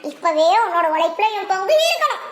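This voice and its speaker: A woman's voice: extremely high pitch, very animated, quick pace. A woman voicing a chatty, teasing village girl in a cartoon, often laughing as she talks. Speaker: cartoon voice artist doing several village characters.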